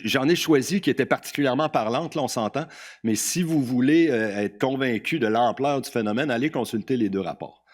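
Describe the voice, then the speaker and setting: A man with a Québécois French accent giving a conference talk, speaking informally, repeating words and often tagging "là". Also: medium pitch. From Quebec. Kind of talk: conference talk quoting testimonies.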